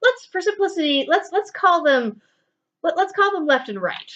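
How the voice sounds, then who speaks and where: A woman co-hosting a casual film review, animated with playful asides, in a dull lo-fi recording. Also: very high voice, moderate pace.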